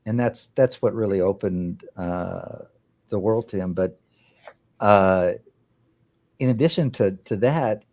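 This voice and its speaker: An older man, a guest on a sports talk radio show, answering in a halting, thoughtful way with many pauses and fillers. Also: on the low side, darkish tone. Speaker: guest, television executive. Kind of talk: radio interview.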